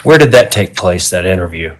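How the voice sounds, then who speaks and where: A man's voice: sits low, expressive, a little fast. A man questioning a witness in court as a defense attorney, in a conversational, informal way. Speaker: defense attorney cross-examining.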